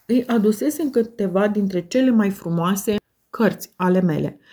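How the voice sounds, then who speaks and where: A woman reading a novel aloud in first person, telling the story in a measured, expressive way. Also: mid-range voice, husky. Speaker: audiobook narrator. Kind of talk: first-person audiobook narration.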